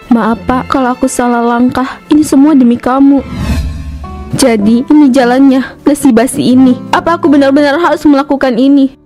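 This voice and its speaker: A woman's voice: high voice, mellow, natural voice. A woman voicing a struggling, anxious wife and mother in a cartoon, pleading and stammering at times. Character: poor worried young wife and mother. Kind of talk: cartoon voice acting.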